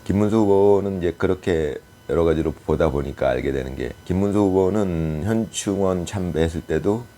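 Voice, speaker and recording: Low-voiced man musing over politics. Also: moderate pace, mellow. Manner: musing and speculative, with frequent hesitations and fillers. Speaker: political commentator. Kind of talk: casual political commentary monologue.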